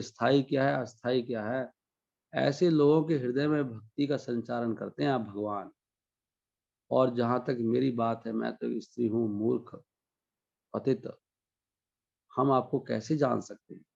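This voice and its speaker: A man giving a devotional discourse, explaining scripture line by line and chanting Sanskrit verses slowly. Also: mid-range voice, gravelly, lo-fi sound. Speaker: spiritual teacher.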